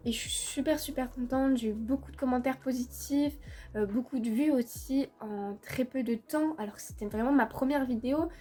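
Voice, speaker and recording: A woman's voice: high voice, warm tone. A teenage girl chatting casually while doing her makeup, talking freely with lots of fillers and repeated words, recorded on a phone at home. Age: teens. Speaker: beauty vlogger. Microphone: phone camera.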